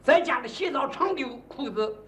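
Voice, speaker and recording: A man's voice: very high voice, animated, normal speed, a crowd in the background. A man performing comic crosstalk as a boastful, naive country bumpkin telling his tale, stammering now and then. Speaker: lead comic in a crosstalk duo.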